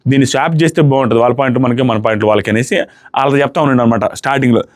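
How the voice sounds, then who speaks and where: A man giving a casual, excitable spoken review of a reality show episode, often dropping his voice to quote the people he talks about. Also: medium pitch, rapid-fire, dry recording, studio quality.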